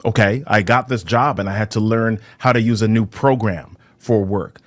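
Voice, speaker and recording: A man from Jamaica, a guest on a podcast, talking about storytelling in a brisk, animated way and explaining his points with examples. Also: fairly low pitch, no room sound, studio quality. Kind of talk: conversational interview.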